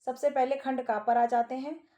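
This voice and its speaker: A woman teacher goes through a Sanskrit exam paper in a lesson, reading each line aloud before explaining it. Her voice is fairly high, soft and mellow without sharpness, delivered flatly at normal speed in the manner of a patient instructor.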